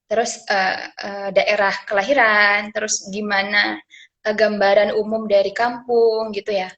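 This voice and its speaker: A young woman from Aceh speaking as a scholarship awardee on a live stream, pausing often with fillers and restarts. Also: medium pitch, little pitch movement, fairly bright tone, muffled recording. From Aceh, Indonesia. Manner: hesitant, many fillers and restarts. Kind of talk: live-stream sharing session.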